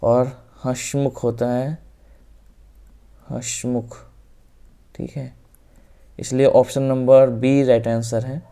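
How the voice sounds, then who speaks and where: Calm, flat-toned male Hindi teacher. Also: mid-range voice, slow pace, long pauses, clean tone. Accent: Hindi-speaking North Indian. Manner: explains step by step, repeats answers, often says "ok". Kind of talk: exam-prep lesson walking through questions.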